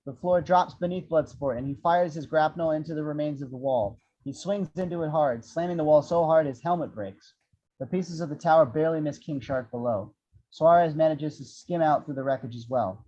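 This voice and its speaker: Briskly and warmly, a fairly high-voiced man reads out action lines from a script at an amateur table read, throwing in irreverent, wry comments as narrator. The recording is dull and lo-fi.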